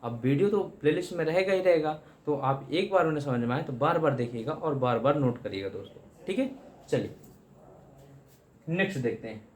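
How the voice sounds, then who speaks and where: A man's voice: a little high, lively intonation, brisk, a little mellow, echoey room, a little hiss or hum. A man teaching English grammar in Hindi for exam prep, repeating key terms and often addressing students as friends.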